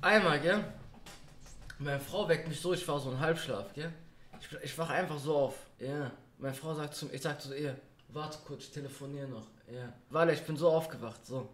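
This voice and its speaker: A man in his twenties chatting casually and excitably in slang as he reacts to memes on a stream. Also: on the high side, moderate pace. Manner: excitable, exclamatory. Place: indoor streaming room. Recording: roomy sound with loud music. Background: loud music.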